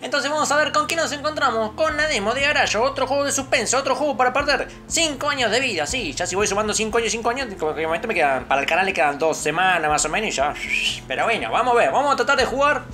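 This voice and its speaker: A gamer with a Rioplatense Spanish accent giving chatty let's-play commentary into a headset mic, dropping to low mutters between startled outbursts. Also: expressive, fast talker, sharp tone, soft background music.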